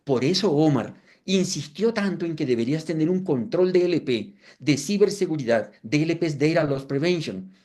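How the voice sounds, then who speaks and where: At normal speed and with few pauses, a man in his fifties with a fairly high voice leads a live webinar demo. He is lively, asking the audience rhetorical questions and tossing in asides at his own expense.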